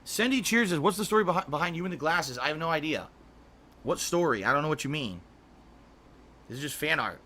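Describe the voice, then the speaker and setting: A middle-aged man chatting casually on a livestream, reading viewer messages, rambling with frequent restarts and throat clearing. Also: on the high side, lively intonation, a little fast, long pauses, bright, forceful tone, slight background noise. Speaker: streamer.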